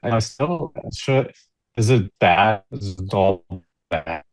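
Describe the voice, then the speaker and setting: A man's voice: lowish voice, expressive, no echo. Man on a choppy glitchy call. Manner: halting, stops and restarts often. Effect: choppy, glitchy internet call connection. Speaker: podcast guest calling in remotely. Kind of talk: casual podcast chat. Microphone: internet call.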